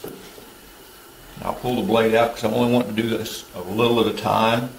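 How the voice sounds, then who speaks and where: Recorded in a roomy home garage workshop with a distant mic and tool noise, a man in his thirties walks through a woodworking build step by step. His lowish voice has vocal fry, a level tone and normal speed, and he's plain, practical and matter-of-fact.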